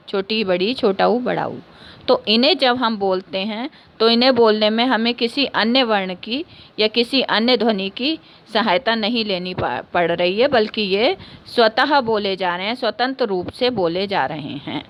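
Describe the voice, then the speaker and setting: A woman's voice: medium pitch, measured pace, fairly bright tone. A woman, a teacher explaining a lesson patiently, repeating key points and answering her own questions. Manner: ends points with a checking "okay". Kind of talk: classroom lesson.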